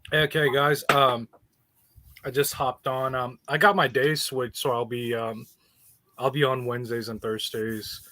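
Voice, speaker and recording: A man's voice: mid-range voice, level tone, unhurried, bright, forceful tone. Laid-back rambling man co-host. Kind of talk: casual livestream banter.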